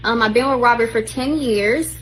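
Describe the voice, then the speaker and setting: A woman in her twenties making a calm, insistent self-recorded video statement. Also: fairly high pitch, moderate pace, rough recording. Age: 20s.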